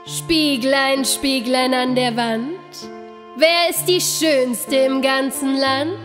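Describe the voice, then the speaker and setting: A woman's voice: sits high, steady tone, slow, a bit bright, long reverb tail, soft background music. A woman voicing a proud, vain, envious queen from a fairy tale, speaking imperiously. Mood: vain, expectant.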